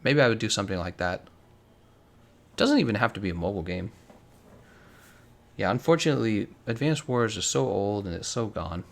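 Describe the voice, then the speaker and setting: A man hosts a late-night game stream, talking casually and answering his chat as it comes in. His voice has a gravelly edge, and his pitch swings in a lively, animated way. He sounds relaxed and chatty. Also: brisk, pauses often. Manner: relaxed, chatty, reacts to viewer comments. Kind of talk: casual live-stream chat, reading chat aloud.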